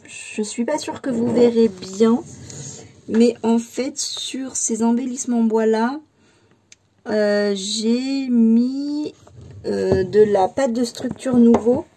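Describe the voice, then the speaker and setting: On her scrapbooking channel, a woman casually shows off a handmade scrapbook album in a crafting show-and-tell. Her voice is fairly high and slow, she's hesitant with lots of fillers and restarts, and there's background noise.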